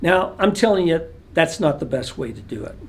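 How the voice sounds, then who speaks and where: An American man telling casual stories about his own slip-ups, chatty and relaxed, with lots of fillers. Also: on the high side, moderate pace. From United States. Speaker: vlogger. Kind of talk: casual storytelling.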